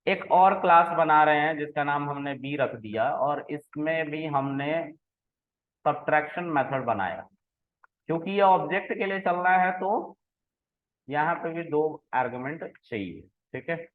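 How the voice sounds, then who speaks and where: A man teaching programming in a relaxed way, explaining code step by step and often checking that the listener follows. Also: on the high side, unhurried. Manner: conversational, keeps checking in with the listener. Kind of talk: explaining code while typing. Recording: tinny phone-like sound.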